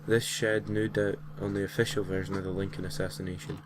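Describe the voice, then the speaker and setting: A man with a deep voice hosts a creepypasta reading, narrating the spooky story a little fast in a flat, amateur way. He stumbles on words and corrects himself here and there, with distinct noise behind him in the home recording.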